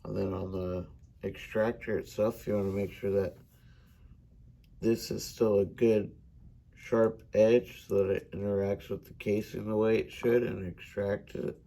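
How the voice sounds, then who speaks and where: A slow-talking American man walks through a hands-on demonstration, pausing often with fillers. His voice sits low and carries a gravelly rasp. He sounds like a student presenting a practical lesson. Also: flat delivery, mellow. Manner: unhurried, hesitant with fillers. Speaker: gunsmithing student. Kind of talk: instructional demonstration.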